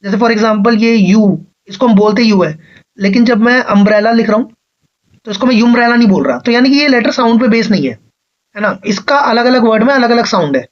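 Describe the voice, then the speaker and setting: Guy teaching grammar for exams, slow step by step, keeps checking in, kinda dull lo-fi audio. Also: sits high, expressive. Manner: patient step-by-step explaining, often checking in with the class. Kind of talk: exam-prep grammar lecture.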